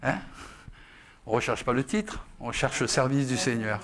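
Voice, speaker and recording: A man preaching to a congregation as pastor, talking in a chatty, lively way and often tagging his sentences with "hein?" and a laugh. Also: mid-range voice, moderate pace. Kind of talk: sermon. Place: church service with a congregation.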